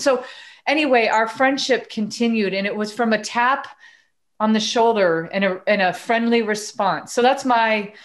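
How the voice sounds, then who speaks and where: A woman hosting a casual chat, telling a personal story with lively acted-out dialogue. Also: medium pitch. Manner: animated, acts out quoted dialogue. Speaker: podcast host.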